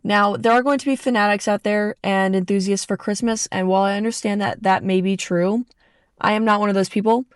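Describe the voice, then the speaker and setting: Young woman, solo podcast host, casual and animated, close mic, dry sound. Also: mid-range voice, fairly quick, no room sound. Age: young adult. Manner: chatty and animated, with asides and self-corrections.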